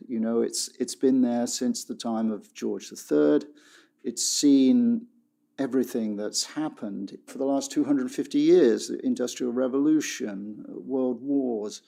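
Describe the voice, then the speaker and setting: A man speaking as a guest on a radio discussion, reflective and measured. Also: medium pitch, creaky, warm tone. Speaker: guest expert.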